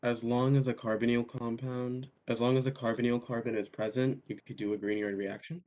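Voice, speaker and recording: A man's voice: medium pitch, level tone, brisk, darkish tone. A man, a student, hesitantly asking his tutor to confirm a point in an online class. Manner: hesitant, checking his understanding.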